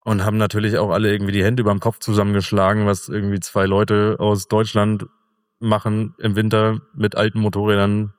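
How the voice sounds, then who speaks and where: Low-voiced man telling a travel story. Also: brisk, dry recording, clean studio sound, in a large hall. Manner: relaxed, rambling with fillers. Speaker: interview guest, motorcycle traveler. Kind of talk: casual conversational storytelling.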